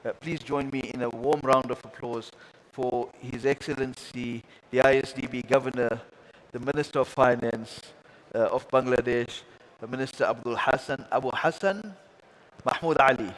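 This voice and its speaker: A man's voice: medium pitch, little pitch movement, moderate pace, poor audio. Gracious stammering panel host, a man. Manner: stammering restarts, gracious, formal thanks. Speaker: moderator, host. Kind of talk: hosting a panel dialogue.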